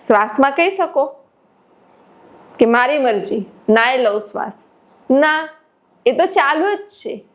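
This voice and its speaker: A woman spiritual teacher giving a devotional sermon, measured and repeating her phrases for emphasis. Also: high-pitched, expressive.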